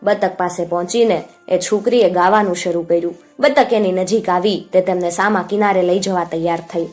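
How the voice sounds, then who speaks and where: A woman narrating a children's story in a steady, expressive way. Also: fairly low pitch, normal speed. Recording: faint background music.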